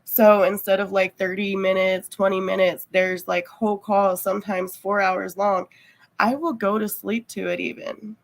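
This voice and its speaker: A woman's voice: medium pitch, flat delivery, normal speed, vocal fry, poor audio. A woman livestreamer chatting casually with viewers, rambling and heavy on fillers. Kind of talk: casual chat.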